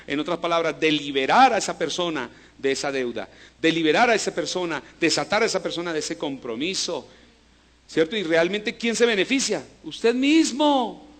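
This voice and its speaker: A male pastor preaching a sermon, asking the congregation to repeat after him and swinging between loud emphasis and low, hushed lines. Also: animated, fairly quick. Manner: preaching with call-and-response to the congregation.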